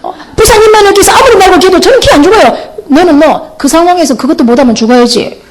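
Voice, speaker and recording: Middle-aged woman, pastor's wife, animated testimony sermon; high and expressive. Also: fast, heavy background noise. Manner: animated, laughing, mimics others' voices. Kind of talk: lively testimony sermon to a camp.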